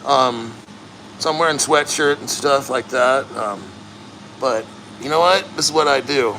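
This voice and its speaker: A man chatting casually and bluntly to livestream viewers, earnest and straining through the cold as he sits neck-deep in an ice plunge. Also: a little slow, sharp tone, a little hiss or hum, rough recording. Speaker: livestream host.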